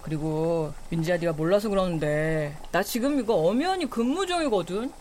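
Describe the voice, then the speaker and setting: A woman's voice: fairly low pitch, lively intonation, normal speed, a little mellow, a little hiss or hum, lightly acted. A woman playing a blunt, food-loving woman of thirty-one. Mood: cheeky. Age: 30s. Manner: blunt, cheeky, relishing food. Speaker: narrator and lead. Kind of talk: radio drama acting.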